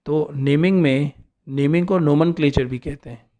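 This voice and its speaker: A man's voice: fairly high pitch, moderate pace, warm tone. A man teaching an organic chemistry lesson, explaining step by step and often checking in with his students. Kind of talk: classroom lecture.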